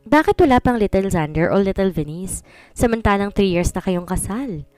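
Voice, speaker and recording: A woman's voice: mid-range voice, lively intonation, normal speed, a little mellow, dry recording, faint music behind, close to an everyday voice. A woman voicing a playful, nosy married friend who asks teasing questions in a storybook reading.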